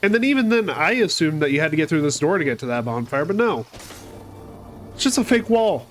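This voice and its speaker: This man's voice sits on the high side and has a sing-song lilt at a fairly quick pace. He's a gaming channel host with a cold, chatting through casual let's-play commentary, swearing casually and addressing the enemies he faces.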